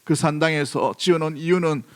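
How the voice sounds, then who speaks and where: Brisk and a little high-pitched, a man from South Korea delivers an emphatic sermon as a pastor. Key phrases come back again and again, and he directs questions at his listeners.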